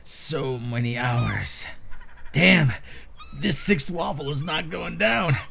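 A man's voice: fairly high pitch, slow, vocal fry, bright, forceful tone, a little hiss or hum. A man giving an informal, slangy, theatrically exasperated reading of social media posts.

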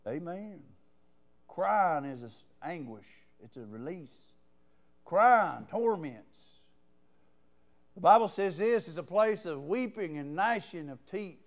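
A man preaching a sermon in a church, punctuating his points with calls of "amen" and rising to loud emphasis. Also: high-pitched, animated, slow pace. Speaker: guest preacher. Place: church sanctuary.

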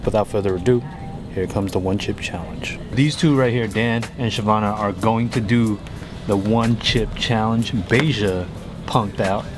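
A man's voice: lowish voice, measured pace. A man hosting casually and bantering in an office, picked up on a camera mic. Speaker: host. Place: open-plan office. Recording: music over office camera audio.

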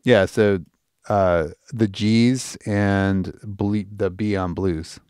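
A middle-aged man hosting a live stream, giving casual, animated feedback and thinking aloud as he chats to viewers. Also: lowish voice, very slow, smooth, dry recording, clean studio sound.

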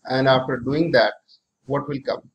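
A man's voice: mid-range voice, fairly even intonation, measured pace, muffled recording, a little hiss or hum. A middle-aged man with an Indian accent teaching maths, working through problems aloud, often repeating phrases and posing questions to himself.

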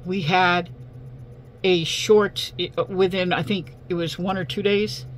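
Hoarse woman with a failing voice. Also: on the low side, steady tone, takes it slowly. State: hoarse, losing voice. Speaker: online video host. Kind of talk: casual address to viewers. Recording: faint background hum and noise.

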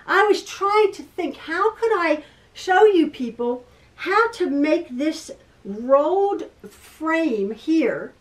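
High-voiced woman teaching quilting, rambling. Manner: rambling, thinking aloud with restarts and self-corrections. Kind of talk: casual tutorial talk. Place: home sewing room, indoors. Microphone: camera across a table, from a distance. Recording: voice a little far from the mic.

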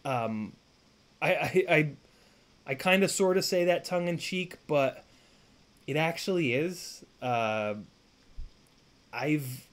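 His pitch fairly high and his delivery animated, a man in his thirties speaks slowly with long pauses while streaming from an indoor home workshop. He chats casually with viewers, rambling, swearing and restarting, packed with fillers.

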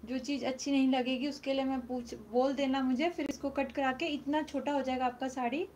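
A middle-aged woman selling used silk sarees on a live stream from home, speaking loudly into her phone and repeating the prices. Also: sits high, fairly even intonation, a little fast, a little hiss or hum. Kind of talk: live-stream sales chat. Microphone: phone mic, no external microphone.

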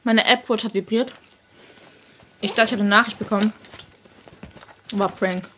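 A young woman vlogging casually at home on her phone, nervous and excitable, sometimes dropping into a whisper. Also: mid-range voice, normal speed, a little hiss or hum. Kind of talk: casual vlog chat.

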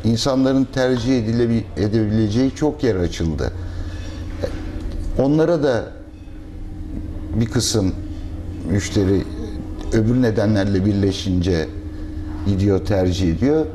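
In an interview recorded on a lapel mic in a restaurant dining room, the middle-aged owner responds thoughtfully and at a measured pace, pausing and using fillers. His pitch is fairly low and his tone dark, with slight background noise.

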